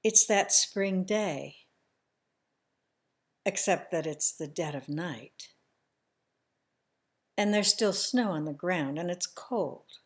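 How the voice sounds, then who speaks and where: A woman telling a family story in the first person, slow and emotional, sometimes dropping to a hushed near-whisper. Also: fairly low pitch.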